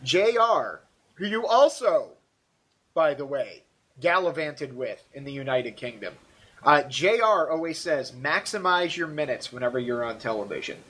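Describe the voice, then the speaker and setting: An American man co-hosting a casual podcast, talking excitedly with stammered restarts and frequent laughter. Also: on the high side, normal speed, breathy edge. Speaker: podcast co-host. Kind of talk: casual wrestling recap chat.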